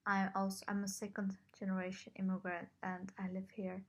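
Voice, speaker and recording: A young Dutch vlogger answers viewer questions to camera in a mid-range, monotone voice at a fairly quick pace. The casual Q&A has a hesitant, self-conscious feel.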